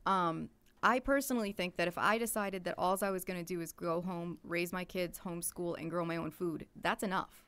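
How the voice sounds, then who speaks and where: Candid woman from New England, lowish voice. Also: fairly even intonation, brisk, a bit bright, clear, resonant tone, no room sound. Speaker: podcast guest. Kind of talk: casual chat.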